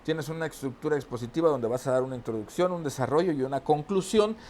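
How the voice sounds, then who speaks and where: A man's voice: on the high side, quick pace, a little mellow, a little hiss or hum. A man giving a spoken lesson, explaining step by step and often checking in with tag questions and restarting phrases. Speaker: teacher. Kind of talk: spoken lecture on oratory.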